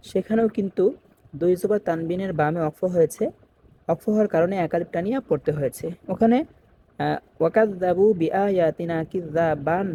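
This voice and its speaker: A man's voice: high-pitched, mellow, slight background noise. Patient man spelling words for learners. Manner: patient, spells letters slowly and repeats each word. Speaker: Quran reading teacher. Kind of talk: step-by-step spelling lesson.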